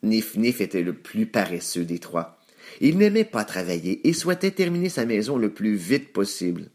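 Expressive man reading a children's tale. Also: on the low side, moderate pace. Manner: expressive read-aloud narration. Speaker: storyteller. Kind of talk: reading a children's story aloud.

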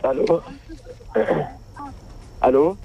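A man's voice: fairly high pitch, slow. A man from Arabia, calling a radio show over the phone and speaking hesitantly with many fillers. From Saudi Arabia. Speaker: radio caller. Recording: lo-fi dry phone line.

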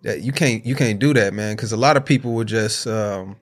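A young American man chatting casually in slang, haltingly repeating himself as he works through his thoughts. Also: on the low side. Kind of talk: casual chat.

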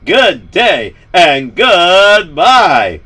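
A pompous, temperamental rich tycoon, as a man puts him on, his voice pitched high and pushed loud. He drags out his indignant exclamations with a haughty, demanding manner and a bright, sharp edge. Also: sing-song, drawn-out words, husky, distant mic, heavily acted. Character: arrogant rich older man, boastful and temperamental.

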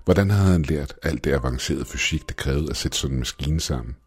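Very deep-voiced male storyteller. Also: breathy edge. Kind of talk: scripted story narration.

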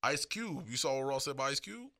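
A man with a gravelly, bright and forceful voice, talking loosely and profanely with a co-host. He has the hiccups and jumps between points in animated banter. The sound is dry and close. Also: mid-range voice, quick pace, no room sound. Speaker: podcast co-host. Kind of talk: casual chat.

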